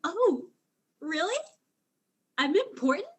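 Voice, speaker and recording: A woman's voice: very high-pitched, sing-song, slow, fairly bright tone, exaggerated voice. A woman voicing a tipsy, flustered female alien diplomat who is secretly a spy, in a student audio drama, rambling and tripping over her words.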